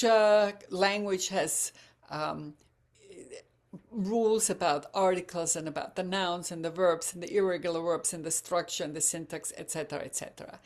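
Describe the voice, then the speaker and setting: Giving an informal astrology talk accompanied by slides, a woman speaks hesitantly, slowly, and haltingly, her sentences broken by fillers and restarts. Her low voice is gravelly with creaky fry; German is her first language, Croatian her second, and she's from Germany or Croatia.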